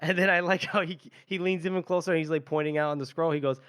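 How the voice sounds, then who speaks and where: A man's voice: fairly high pitch, steady tone, fast, fairly bright tone, clear, resonant tone. A man co-hosting a podcast, casually recapping a novel's scenes in a rambling way with chuckles. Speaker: podcast co-host. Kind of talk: casual book discussion.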